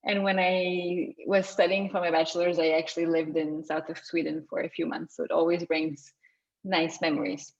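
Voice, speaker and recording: A woman's voice: sits low, little pitch movement, moderate pace. A young woman from Lithuania giving a conversational talk at an online meetup, often restarting her sentences. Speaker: guest speaker. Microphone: video call. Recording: slightly dull video call audio.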